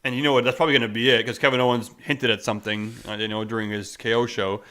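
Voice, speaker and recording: A man co-hosts a casual wrestling podcast with a bright, forceful voice. He talks with a sarcastic edge and likes acting out short quotes in other voices. The conversation is loose and chatty. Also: medium pitch, little pitch movement, rapid-fire. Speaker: podcast co-host.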